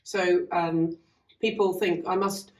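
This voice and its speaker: A woman who runs a farm learning hub guests on a casual podcast, chatting and rambling about her farm with self-deprecating asides. Her voice is low and darkish, slow and fairly even. She's in a half-open converted cart lodge, recorded in an echoey space with a distant mic.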